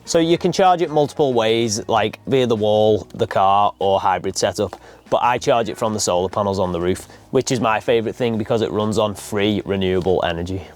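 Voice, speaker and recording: A man's voice: lowish voice, a little fast. A man presenting to viewers as host of an online video. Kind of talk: YouTube presenting.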